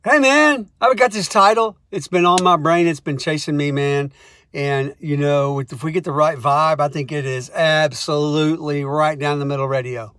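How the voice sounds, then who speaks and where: A man's voice: fairly high pitch, normal speed, fairly bright tone, dry recording, lightly acted. A man voicing a stoned, laid-back male songwriter who talks in a spaced-out hippie drawl. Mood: dreamy eager.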